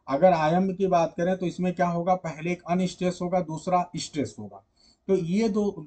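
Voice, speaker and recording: Guy teaching a lit class online, kinda high voice, keeps repeating stuff n asking the class questions. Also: a little mellow. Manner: explains patiently, repeats points, quizzes students with rhetorical questions. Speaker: literature teacher. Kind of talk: online exam-prep lecture.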